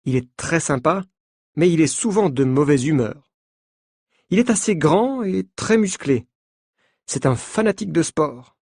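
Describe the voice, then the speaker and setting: A man tells a learners' story in first person, slowly and with careful diction. His pitch moves freely up and down. The recording is dry and close with no room sound. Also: animated, darkish tone, no room sound. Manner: slow, clear, carefully articulated. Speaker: narrator. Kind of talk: slow scripted story narration for learners.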